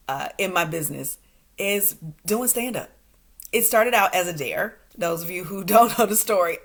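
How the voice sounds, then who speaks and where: A woman's voice: fairly low pitch, fairly bright tone. Punchy, laughing woman comic giving pep talk. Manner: punchy, emphatic short commands, laughing often. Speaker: stand-up comic and entrepreneur hosting a motivational segment. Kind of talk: motivational talk to an audience.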